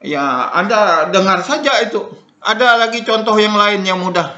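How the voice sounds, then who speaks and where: Older male lecturer, high bright voice, informal and repetitive with filler words, recorded in an echoey room. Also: lively intonation, normal speed, lo-fi sound. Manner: repeats points, frequent "nah" and "eh" fillers. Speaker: lecturer on Dayak Ngaju language.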